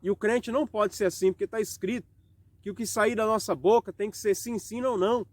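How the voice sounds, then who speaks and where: A man with a Brazilian Portuguese accent gives a home worship sermon, reading scripture slowly and asking rhetorical questions. His voice is high and darkish with fairly even intonation, and the recording is dry.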